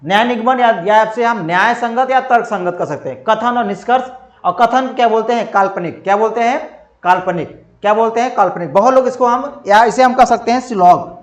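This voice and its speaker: A man's voice: high-pitched, brisk. A man teaching reasoning for competitive exams, asking questions and answering them himself, over and over for emphasis. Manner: drills by asking and answering his own questions; repetitive, emphatic. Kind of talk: exam-prep lecture. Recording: echoey room.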